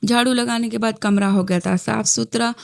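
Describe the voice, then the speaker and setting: A woman's voice: a little high, steady tone, moderate pace, gravelly, dry recording, studio quality. A young woman narrating her family day in a chatty vlog voice-over, quoting her relatives as she tells the story. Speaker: vlogger.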